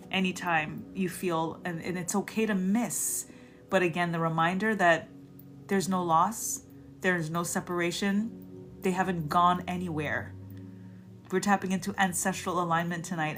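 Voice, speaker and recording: Woman, live card-reading host, low-ish voice, gentle and affirming, light music bed. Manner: calls viewers by name and reads cards in a soft, affirming tone. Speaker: spiritual card reader on a live stream.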